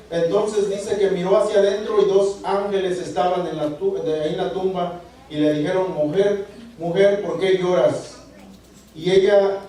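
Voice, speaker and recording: A man preaching a sermon, halting and repeating words as he asks the congregation for agreement. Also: high-pitched, mellow. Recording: echoey room, voice from far off the mic.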